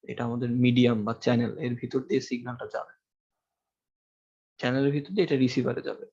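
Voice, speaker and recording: A university lecturer teaches his class through an amplified classroom microphone, explaining step by step, quizzing students, and using frequent fillers. His medium-pitched voice is warm and slightly rough, with a flat, quick delivery. The recording sounds muffled.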